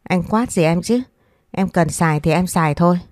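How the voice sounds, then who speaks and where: Woman doing a spoiled, shrill young wife. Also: normal speed, a little mellow, dry recording, studio quality, close to an everyday voice. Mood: angry.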